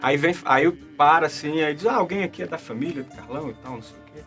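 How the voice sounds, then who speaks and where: A man's voice: a little high, fast talker, a bit bright. Man, middle-aged, rambling storyteller, faint music behind. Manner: rambling, full of fillers and repeated words. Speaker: debate show guest. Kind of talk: casual storytelling.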